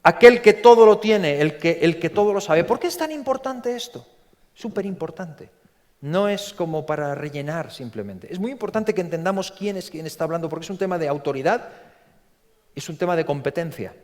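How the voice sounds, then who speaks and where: Animated preacher from in a big hall. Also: male voice, on the high side, normal speed. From Spain. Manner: animated, repeats words, acts out quotes in a story. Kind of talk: sermon. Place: large church. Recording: long reverb from a church hall.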